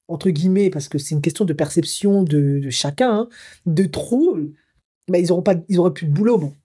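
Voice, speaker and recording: A woman from Africa comments in her vlog. Her low, husky, mellow voice drifts along as she reflects aloud. She hesitates often as she weighs her opinions. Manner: musing and hesitant, thinking aloud with frequent fillers. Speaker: psycho-emotional coach. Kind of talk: commentary vlog, partly reading an article aloud.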